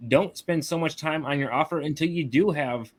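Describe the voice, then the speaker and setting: A man's voice: on the high side, moderate pace. A man teaching online marketing on a live video call in a casual way, often ending his points with a questioning tag. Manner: casual, tags lines with "right?".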